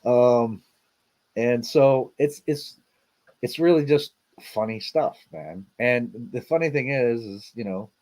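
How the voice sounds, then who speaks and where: A man's voice: medium pitch, takes it slowly, a little mellow. A man hosting a casual livestream, chatting and rambling as he reacts to video clips he plays. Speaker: show host.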